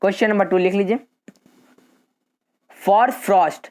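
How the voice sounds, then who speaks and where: A man, a teacher dictating English answers slowly, repeating phrases and spelling words out letter by letter. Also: high voice, steady tone, darkish tone. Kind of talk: slow English dictation lesson with Hindi explanations.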